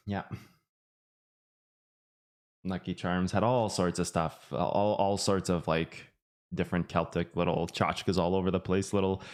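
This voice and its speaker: Man, very low voice, rambling casual chat, lots of restarts, finance streamer. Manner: rambling, many restarts and fillers. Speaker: finance YouTuber.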